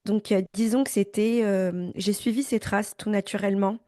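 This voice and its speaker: Young Parisian woman, dark mellow voice. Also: medium pitch, steady tone, moderate pace, no echo, studio quality. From Paris, France. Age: young adult. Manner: thoughtful, many hesitations and repeats. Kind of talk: casual interview talk.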